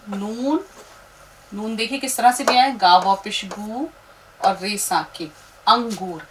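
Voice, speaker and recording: A woman teaching an Urdu lesson who spells out letters slowly and patiently, talking directly to her learners and asking them to repeat after her. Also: a little high, a bit bright, distant mic, slight background noise, rough recording.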